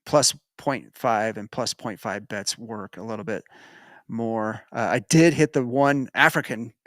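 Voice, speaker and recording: A man's voice: mid-range voice, a little slow, a bit bright, no room sound. Rambling American man, dry close sound. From United States. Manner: rambling, self-correcting, chuckles. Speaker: podcast host. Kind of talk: casual sports betting chat.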